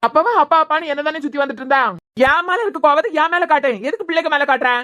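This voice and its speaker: A woman's voice: high-pitched, very fast, a bit bright. A woman voicing a stern young father in a cartoon, scolding firmly in a Kanyakumari Tamil accent. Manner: scolding, firm. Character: stern young father defending his daughter.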